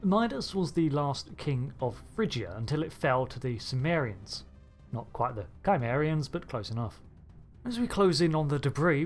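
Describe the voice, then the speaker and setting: A man with a slightly high voice narrates a video game playthrough. He is conversational and drops in wry asides as he goes. Soft music runs underneath. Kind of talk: narrated playthrough with light commentary. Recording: voice over background game music.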